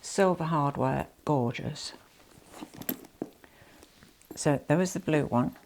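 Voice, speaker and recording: Speaking slowly in a low-pitched voice, with a little hiss or hum in the recording, a woman chats through a vlog of her handbag collection. She's nursing a head cold and sounds nasal, rambling with many "you know" asides and dropping at times to soft near-whispers.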